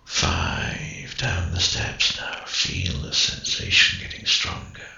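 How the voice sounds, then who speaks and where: Male, gravelly, slow hypnotic whisper right in the ear for intimate relaxation audio; breathy, close-miked. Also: lively intonation, sharp tone, muffled recording. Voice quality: breathy, husky, gravelly low voice. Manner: slow, coaxing, hypnotic delivery with short phrases.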